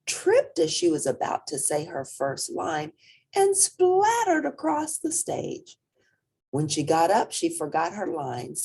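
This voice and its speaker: Animated and dramatic, a storybook reader narrates a children's picture book in a low voice. Her tone is husky and breathy, turning whispery at moments and lingering on particular words.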